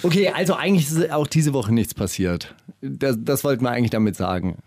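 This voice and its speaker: A man hosting a podcast in a casual chat, halting and restarting his phrases, chuckling as he talks. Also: medium pitch, animated, a little mellow, slight background noise. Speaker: podcast host.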